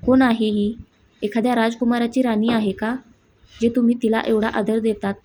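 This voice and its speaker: Woman voicing a spoiled jealous young woman, husky, fiery, audio storybook. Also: on the high side, flat delivery, normal speed, natural voice. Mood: resentful. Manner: angry, shouting.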